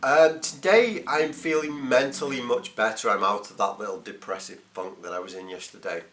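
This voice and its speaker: A man's voice: mid-range voice, normal speed, a bit bright, echoey room, slight background noise. A man recording a casual, hesitant video diary, thinking aloud as he talks. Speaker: runner vlogging his race preparation.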